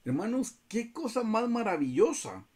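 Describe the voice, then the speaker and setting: A man's voice: high voice, big pitch swings, normal speed, a little mellow, breathy edge. A man teaching a Bible study over a video call, earnest and often addressing his listeners as brothers.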